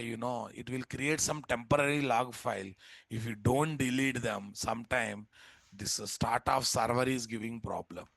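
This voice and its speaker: A man's voice: mid-range voice, vocal fry, fairly bright tone, dry recording. A man with a Telugu Indian accent lecturing an online class informally and bluntly, repeating himself and tossing out rhetorical questions. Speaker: software instructor. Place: indoors at a computer, live screen-share class.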